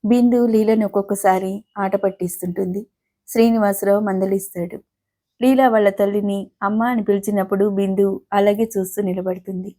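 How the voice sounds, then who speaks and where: A woman narrating an audio novel in a steady, unhurried storytelling manner. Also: medium pitch.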